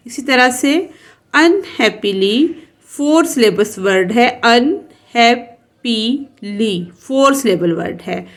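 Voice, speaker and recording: A woman teacher giving a recorded textbook lesson. She reads English lines carefully, then explains them in Urdu and spells words out letter by letter. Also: sits high.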